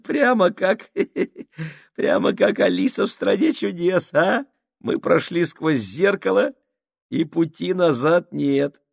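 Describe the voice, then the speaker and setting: A man voicing an unhinged male crewman who rants and giggles in a high, trembling way. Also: lively intonation, unhurried, no echo, studio quality. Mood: giggling.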